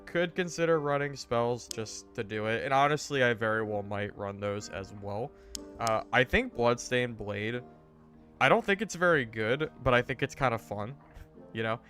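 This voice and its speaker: Still recovering from being sick, a man streams a game and chats casually with viewers, his voice a bit worn. He rambles in a relaxed way and greets chat, speaking at medium pitch and moderate pace over faint music.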